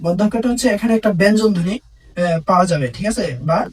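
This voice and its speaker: A man with a high, husky voice teaches a grammar lesson for exam prep. He keeps quizzing his listeners and repeats each point, stretching the example words out slowly. He sits a little back from the microphone. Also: distant mic. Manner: repetitive, quizzing listeners with "ঠিক আছে?".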